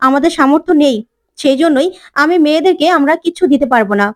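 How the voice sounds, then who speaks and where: A woman voicing a defensive middle-aged aunt who protests quickly. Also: high voice, close to an everyday voice.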